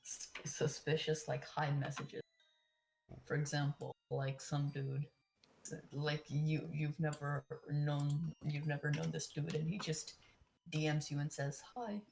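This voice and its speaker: A chatty man with a gravelly, fry-heavy voice, tossing out slang and rambling rants in casual conversation. Faint music plays in the background. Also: a little high, completely flat delivery, measured pace, darkish tone. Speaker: co-streamer. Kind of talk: casual chat.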